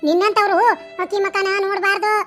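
A woman's voice: extremely high pitch, steady tone, fairly quick, over music. A spiteful scheming village mother. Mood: scornful. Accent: North Karnataka Kannada. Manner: sneering, scolding, harsh. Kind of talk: cartoon voice acting.

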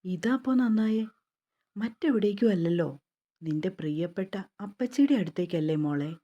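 A woman reading the lines of a gentle middle-aged mother who soothes her daughter. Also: mid-range voice, lively intonation, moderate pace, highs cut off, natural voice. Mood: soothing. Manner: soothing, hushed at times.

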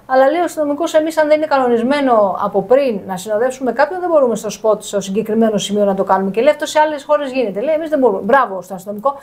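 A woman's voice: on the high side, animated, few pauses, darkish tone. A woman co-hosting a showbiz gossip show, chatting casually and giving firm opinions on the celebrity stories.

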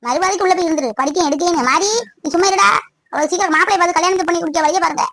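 A woman's voice: extremely high pitch, racing, a bit bright, pitched below the performer's own voice. A woman voicing a bossy old village grandmother. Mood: lecturing. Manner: scolding, domineering.

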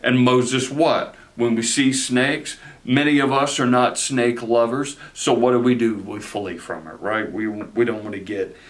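A man in his forties, a pastor preaching a sermon from a chair in a study, animated and gesturing, often repeating words as he starts a phrase. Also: medium pitch, a little slow, hardly any pauses. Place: study with bookshelves, indoors.

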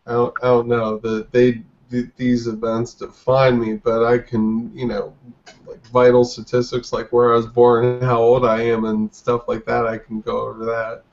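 Over a webcam in a dim room, a man in his forties, a guest artist, gives a video call interview. His mid-range voice is completely flat and darkish at normal speed, and he talks hesitantly, often restarting. The webcam audio is dull and lo-fi.

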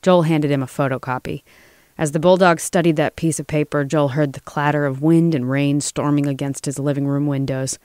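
Woman narrator, measured dramatic reading, dry close sound. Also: sits low, steady tone, a little mellow, clean tone, no room sound. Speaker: story reader. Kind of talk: audiobook narration.

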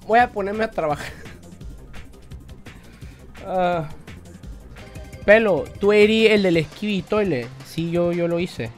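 A Mexican man streaming live, ranting loudly and swearing in exaggerated complaint. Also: high-pitched, slow pace, long pauses, soft background music.

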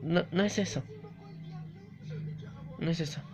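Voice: medium pitch, slow, over music, close to an everyday voice. Yuri: chica tímida y apenada, leída por el jugador. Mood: timid pleading. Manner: soft, hesitant, repeats words. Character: shy anxious teenage girl, apologetic. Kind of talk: reading game dialogue aloud. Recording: dull lo-fi recording.

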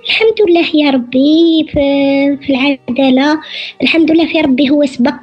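A middle-aged woman with an Algerian accent, calling in over the phone and telling her story haltingly, with many hesitant fillers. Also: high voice, faint music behind. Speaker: caller. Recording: dull phone line.

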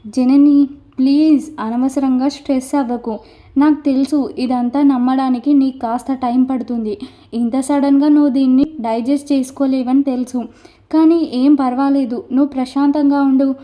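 A woman doing a calm, soothing young man. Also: high voice, normal speed, lightly acted. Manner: soothing, patient, coaxing. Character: calm, reassuring young man, gently insistent. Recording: dull lo-fi recording.

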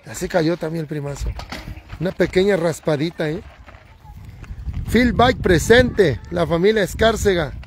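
Excitable high-voiced Mexican male commentator. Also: a little fast, a little hiss or hum. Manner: excitable, repeats warnings and catchphrases. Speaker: livestream commentator. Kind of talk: live event commentary. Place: outdoors on a hillside race course.

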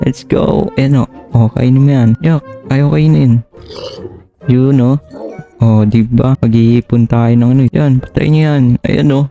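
A man giving chatty, excitable Minecraft let's-play commentary, often calling out to his viewers. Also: medium pitch, creaky. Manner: chatty, keeps saying "boy" and "tara, tara", excitable. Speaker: gaming YouTuber. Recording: slightly dull lo-fi voice with game music behind.

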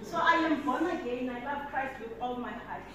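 Speaking at a moderate pace in a high-pitched, fairly bright voice, this twenty-something South African woman gives a keynote to a conference room, walking around and gesturing as she preaches with emphatic repetition. The setting is a large indoor hall, and a faraway camera captures her handheld mic, leaving echoey sound and background noise.

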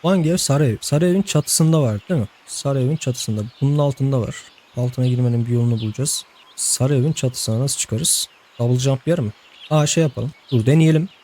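A man's voice: medium pitch, a little fast, mellow. A young man giving casual let's-play commentary, chatting to the game's characters and laughing often. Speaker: gameplay host.

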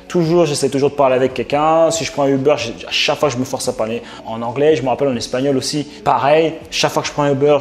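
Young male vlogger, casual and rambling, lots of fillers, mid-pitched voice. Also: darkish tone. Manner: chatty, many fillers and restarts, addresses viewer with "tu vois". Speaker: entrepreneur vlogger. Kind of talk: casual spontaneous talk to camera.

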